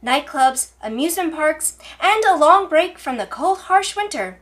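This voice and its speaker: Woman doing parody news anchor voice, really high and lively, formal and emphatic. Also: a little slow. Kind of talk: scripted mock news broadcast.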